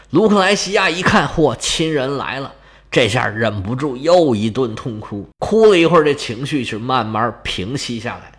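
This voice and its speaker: A man's voice: mid-range voice, a bit bright. A man telling a history tale in a dramatic, colloquial storytelling style.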